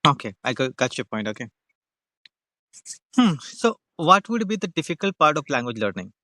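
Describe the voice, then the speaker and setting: Indian-accented man with a bright, dry voice. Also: fairly high pitch, sing-song, moderate pace, no room sound. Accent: Indian English. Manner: friendly, repeats his questions, teasing. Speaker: conversation practice host. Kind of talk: casual video call chat. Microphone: video call.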